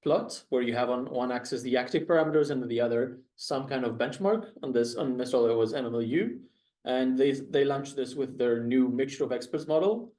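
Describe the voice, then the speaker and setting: A man's voice: mid-range voice, fairly quick, dark tone. A man co-hosting a casual technical discussion of AI news, hesitant with many fillers and restarts.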